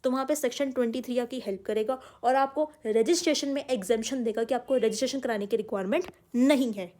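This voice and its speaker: A woman's voice: a little high, fast talker, darkish tone. A woman teaching an online exam-prep lecture, talking emphatically and calling her students "beta". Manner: emphatic, addresses students as "beta", mixes English terms. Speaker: commerce tutor.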